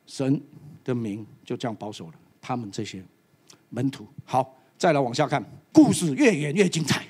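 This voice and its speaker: A church elder preaching a sermon to a live audience, animated and slipping English phrases into his talk. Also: mid-range voice, normal speed, slightly rough.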